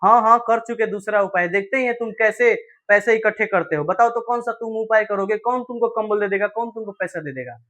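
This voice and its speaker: A man reading the lines of an angry, scolding poor village farmer's wife in a story, with a fairly high voice. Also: fairly quick, hardly any pauses. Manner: sharp, scolding read-aloud lines.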